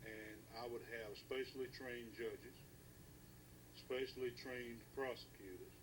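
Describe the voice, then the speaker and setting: An American man in a casual political discussion, speaking in a halting but emphatic way and repeating phrases for weight, on a noisy recording. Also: mid-range voice, steady tone.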